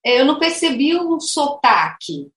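A woman hosts an interview and reacts eagerly to her guest. Her voice is high, and she sounds set back from the mic in a room that echoes strongly. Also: very animated, normal speed, a bit bright, distant mic. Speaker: interviewer host. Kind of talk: casual interview chat.

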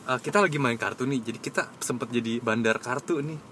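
A young man with reminiscing about school in casual chat, relaxed and joking. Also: medium pitch, brisk, slight background noise.

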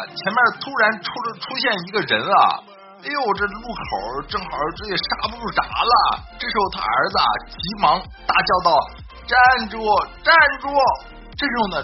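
A man telling comic stories in a chatty way, talking to a sidekick and laughing at his own jokes, over a dull recording with music behind. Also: sits high. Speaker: joke-telling host. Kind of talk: comic storytelling.

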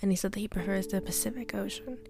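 A young woman rambling hesitantly through a personal audio diary, often trailing off and sometimes dropping to a soft whisper. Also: medium pitch, fast talker, creaky, noisy background. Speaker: podcast diarist. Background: faint background music.

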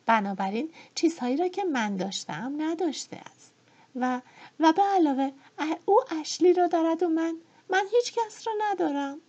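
A woman voicing a spoiled, stormy young widow who shouts in shrill, overwrought outbursts, in a dull lo-fi recording. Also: expressive. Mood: bitter.

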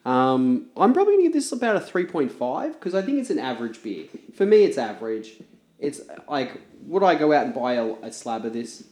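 A man's voice: mid-range voice, very animated, brisk, darkish tone, reverberant. A man, co-hosting a podcast in casual chat, talking in a chatty way. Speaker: podcast co-host.

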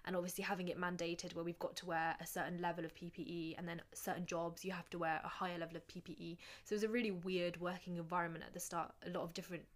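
A woman in her twenties, a paramedic, chatting casually and explaining her work steadily, her voice trailing off quietly at the end of points. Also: fairly low pitch, level tone, quick pace, few pauses. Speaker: paramedic, podcast co-host. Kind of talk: casual chat.

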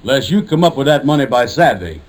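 Playing a blunt, easygoing lodge brother who chases girls, this man speaks in a medium-pitched, very animated, quick voice that sounds lightly acted. The character gives a blunt warning in folksy, ungrammatical talk with pompous big words. It comes from a slightly noisy 1950s radio sitcom recording.

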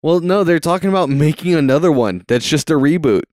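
A man's voice: fairly high pitch, expressive, fairly quick, darkish tone, no echo, studio quality. A young man chatting casually while watching a movie, with a stutter, rambling and swearing freely. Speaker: movie watch-along co-host. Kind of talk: casual chat.

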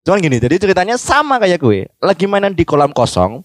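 A man's voice: high voice, very animated, quick pace, no room sound, studio quality. A man hosting a casual chat, telling stories animatedly, swearing offhand and acting out other people's voices.

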